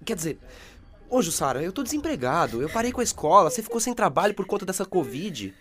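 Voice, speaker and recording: A woman's voice: on the low side, big pitch swings, quick pace. A woman doing a stammering nervous young man. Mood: flustered. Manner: stammering, hesitant. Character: young man, nervous, jobless, scared father-to-be. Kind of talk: amateur radio drama.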